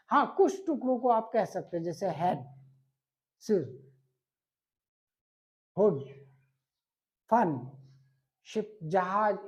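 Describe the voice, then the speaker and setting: A man's voice: sits high, dark tone. A man teaching an English grammar lesson, patiently breaking words into parts and giving many examples.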